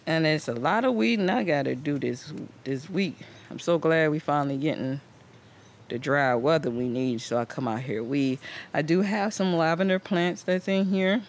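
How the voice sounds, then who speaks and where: A man with a slightly high voice speaks at normal speed while giving a relaxed, rambling garden tour for his home gardening channel. He's recorded outside on a handheld camera, its microphone catching ambient noise.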